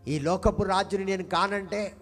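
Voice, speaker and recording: A male pastor delivers a sermon in a somewhat high voice. He keeps asking the congregation questions and repeats key words for emphasis. His voice rings with the long reverb of a large hall over faint background music. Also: fairly even intonation, moderate pace. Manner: call-and-response, questioning the congregation with emphatic repetition.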